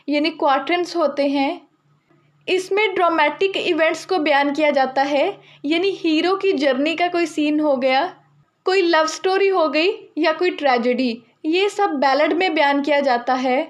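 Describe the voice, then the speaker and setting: A young woman with a high, light voice gives a literature lesson. She explains steadily and methodically, restating each new term in simpler words for her students. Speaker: literature teacher. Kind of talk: explanatory lecture.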